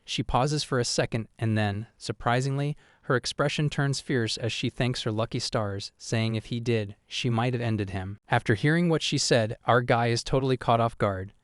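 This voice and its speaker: A man narrating a manga recap in an even, steady, scripted third-person retelling. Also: medium pitch, normal speed, hardly any pauses, no echo, clean studio sound.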